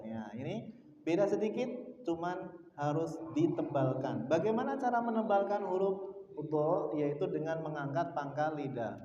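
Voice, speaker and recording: A man's voice: fairly high pitch, warm tone. Indonesian male recitation teacher, patient drilling, dull far-off recording with faint background noise. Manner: patient, drills sounds aloud for students to repeat. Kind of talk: mosque class lesson. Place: mosque hall. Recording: echoey mosque hall, distant dull sound.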